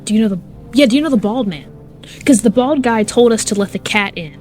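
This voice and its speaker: Animated woman commenting on gameplay. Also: fairly high pitch, a little fast, soft background music. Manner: animated, exclamatory, swears. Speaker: gaming YouTuber.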